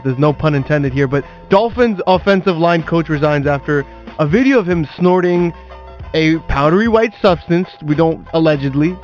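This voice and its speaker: A man with a somewhat high voice makes sarcastic jokes while talking sports. His delivery is casual and teasing. The recording sounds dull, with faint music behind him. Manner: joking, sarcastic. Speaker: sports show co-host.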